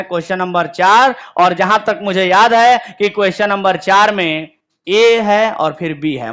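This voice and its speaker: A young man teaches a class, firing questions at his students and then answering them himself. His voice sits high for a man. The classroom recording sounds muffled and lo-fi. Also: pushed and bright. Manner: quizzing students, call and response. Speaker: accountancy teacher. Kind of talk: classroom lecture.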